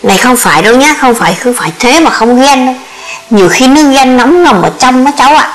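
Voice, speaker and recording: A woman's voice: sits high, lively intonation, fast, rough recording. A woman playing a chatty old grandmother with a jealous husband, in a comic sketch, exclaiming and fussing in a sing-song Northern Vietnamese accent. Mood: scolding.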